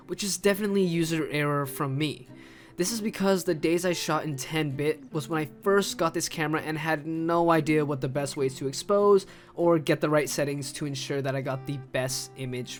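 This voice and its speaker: A man with a cold, sounding muffled, hollow and stuffed up in the nose, narrating a casual, conversational video review. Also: a little high. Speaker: host, camera reviewer.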